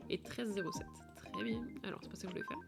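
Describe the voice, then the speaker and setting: A woman's voice: medium pitch, fairly even intonation, racing, vocal fry, loud music behind the voice. Tired, playful woman streamer. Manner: playful, chatty, teasing. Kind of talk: casual live-stream game chat.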